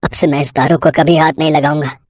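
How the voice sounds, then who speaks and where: A woman's voice: low voice, fairly even intonation, fast, a little mellow, no echo, studio quality, voice pushed down. Woman doing a remorseful drunkard husband. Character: repentant drunkard husband, adult man, remorseful.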